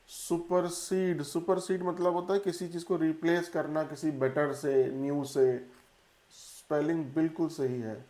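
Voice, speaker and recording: A man's voice: a little high, a little mellow, reverberant. A man teaching an exam-prep English lesson in Hindi, spelling out words letter by letter. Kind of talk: classroom-style lesson.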